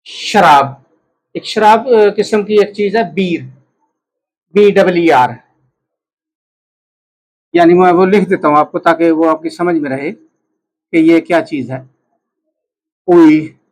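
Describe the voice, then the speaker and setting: A man's voice: high-pitched, low-quality recording. A man whose first language is Urdu, teaching a language lesson and repeating each word over and over. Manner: repeats each word many times, drawn out. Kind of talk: slow spoken language lesson.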